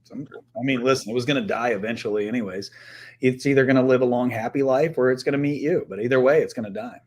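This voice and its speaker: A man's voice: mid-range voice, fast talker. A middle-aged man co-hosting a podcast, telling stories in a loose, joking way with some swearing. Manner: storytelling, laughing and swearing. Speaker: podcast co-host. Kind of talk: casual chat.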